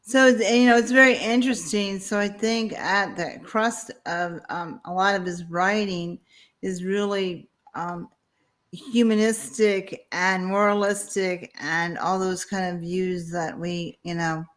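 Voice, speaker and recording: A woman's voice: medium pitch, fairly even intonation, slow pace, fairly bright tone. A woman hosting an interview, chatting casually and asking the guest curious questions. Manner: curious, asks probing questions. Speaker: host.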